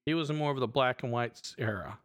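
Relaxed rambling man in casual chat. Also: mid-range voice, a little fast. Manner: relaxed, rambling, many fillers. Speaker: podcast co-host.

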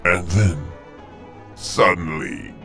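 A man narrating a mystery serial like an old radio drama narrator, with theatrical, deliberate delivery and suspenseful pauses. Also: low-pitched, steady tone, over music.

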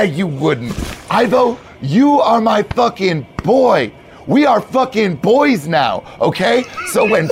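Brief: man voicing a hyped young bro manager, shouting, profane, high and gravelly. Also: slight background noise, full character voice. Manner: shouting, swearing, manic enthusiasm. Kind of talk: tabletop role-play character voice.

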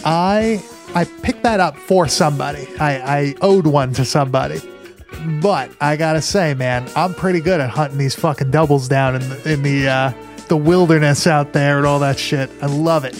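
A man's voice: on the high side, normal speed, faint music behind. A man chatting casually as a podcast co-host, emphatic and repetitive, with lots of slang and swearing. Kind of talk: casual chat about horror movies.

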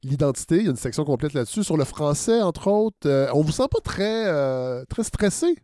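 A man hosting a podcast interview, chatty and agreeable, often backing the guest with quick yeses. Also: fairly high pitch, big pitch swings, dark tone, no echo. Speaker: podcast host. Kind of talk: conversational interview.

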